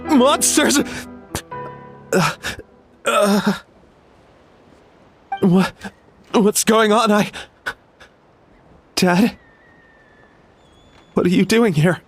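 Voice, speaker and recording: A tormented young warrior in a dramatic game cutscene. The voice is strained and high for a man, full of gravel, and comes out in slow, halting phrases. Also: faint music behind, heavily acted. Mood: dazed, confused. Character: battle-mad young male warrior, dazed and tormented.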